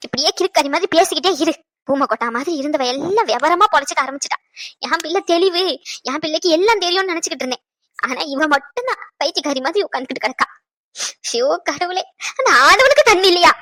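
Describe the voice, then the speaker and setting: Exasperated scolding mother, very high, quick, bright, dry close recording. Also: expressive, dry recording, full character voice. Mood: upset, scolding. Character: fretful mother, angry over her married daughter. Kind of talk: TV serial drama acting.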